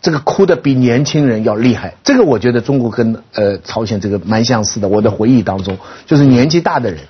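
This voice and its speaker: Brief: quick, lively-pitched husky man, fifties, talk-show guest, slightly muffled studio audio. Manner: animated storyteller, lively pitch. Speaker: guest commentator. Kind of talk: casual panel chat.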